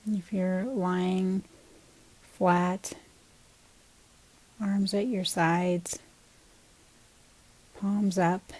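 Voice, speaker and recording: The audio is poor as a woman, acting as a teacher, guides a body scan meditation. Her voice sits on the low side, and she moves calmly and gently through short phrases with pauses in between.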